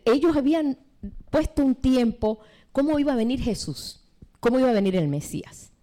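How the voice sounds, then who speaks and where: A middle-aged woman teaching a sermon at a seminar, acting out quoted voices with sudden swings in pitch. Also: expressive, moderate pace, warm tone. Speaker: seminar preacher.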